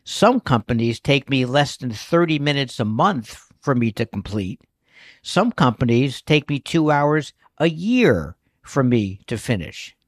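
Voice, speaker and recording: A man's voice: medium pitch, big pitch swings, measured pace, no echo, studio quality. A man hosting his own podcast, talking through his bookkeeping work in a chatty monologue that wanders into asides. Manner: chatty, prone to digressions.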